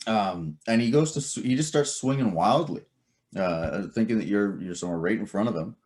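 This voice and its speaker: A man narrating as game master of a tabletop game, animated and full of fillers and laughs. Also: fairly low pitch, moderate pace.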